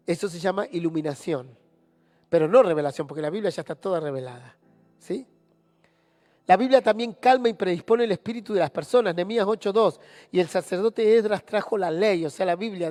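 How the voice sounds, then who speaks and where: High-voiced Rioplatense preacher, faint music. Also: male voice, long reverb tail. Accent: Rioplatense Spanish. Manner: animated storytelling, acting out quoted speakers. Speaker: preacher leading a Bible study. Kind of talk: Bible study sermon.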